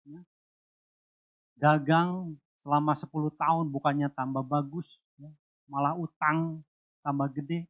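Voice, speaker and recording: A man preaching a sermon and giving his own testimony, emotional and repetitive, swinging between loud and soft. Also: on the high side, fairly even intonation, a little slow, phone-quality sound.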